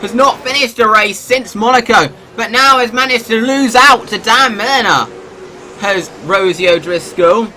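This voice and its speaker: A man giving live sim-racing commentary in the excitable manner of a motorsport commentator. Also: sits high, a little slow.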